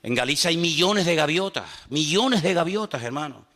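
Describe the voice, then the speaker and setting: A man preaching a lively sermon as pastor, animated and humorous, using repetition, rhetorical questions and acted-out dialogues. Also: fairly high pitch, moderate pace.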